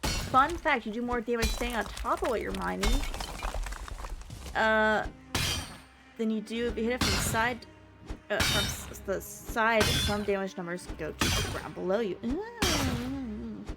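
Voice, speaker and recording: A woman's voice: on the high side, lively intonation, a little slow, loud music behind the voice. A woman live streamer giving casual gaming commentary, chatting and thinking aloud with some mild swearing.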